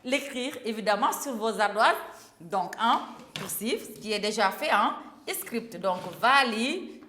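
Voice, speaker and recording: A woman's voice: on the high side, expressive, measured pace, bright, forceful tone. A woman teaching a primary class, drawing out and repeating words for young pupils. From Senegal. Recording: echoey classroom.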